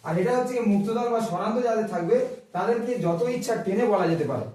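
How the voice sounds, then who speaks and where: A man's voice: sits high, quick pace, a little mellow. A male teacher giving a classroom grammar lesson. He keeps asking his pupils questions and draws out sounds to show how they work. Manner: asks the class frequent questions and stretches sounds to demonstrate. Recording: very echoey classroom, voice distant.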